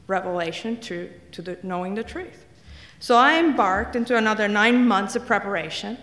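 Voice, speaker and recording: Her medium pitch carrying a bit of brightness, a guest speaker from Italy whose native tongue is Italian shares a funny personal testimony in a church. She tells wry stories at her own expense amid the echo of the hall.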